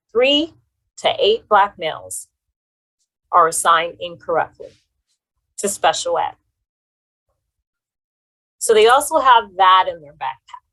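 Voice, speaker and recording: A woman presenting and moderating at an online conference, speaking in a steady, conversational way. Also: on the low side, rough recording.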